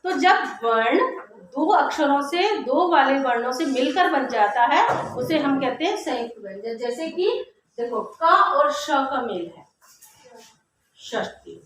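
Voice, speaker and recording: High-voiced woman teaching in an echoey classroom. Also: animated, a bit bright. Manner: explanatory, repeats sounds slowly to demonstrate. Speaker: Hindi teacher. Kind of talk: classroom grammar lesson. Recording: very echoey classroom with faint noise.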